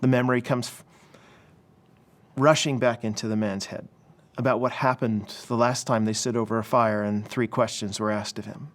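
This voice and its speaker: A pastor preaching at a church service, retelling a story in a lively way with frequent restarts. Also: male voice, mid-range voice, moderate pace. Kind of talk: sermon.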